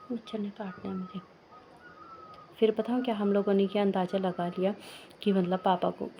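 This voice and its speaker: A young woman vlogger tells a long personal story in a casual, rambling way, circling back with fillers and false starts. Her voice is mellow and soft, and her pitch stays flat. There is a faint hiss of background noise behind her. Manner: rambling, many fillers and restarts.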